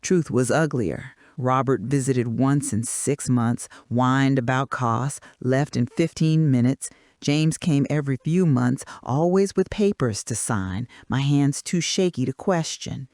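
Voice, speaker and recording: A woman's voice: very deep voice, measured pace, darkish tone, no room sound. An older woman narrating her own hard life story in short, dramatic, clipped sentences.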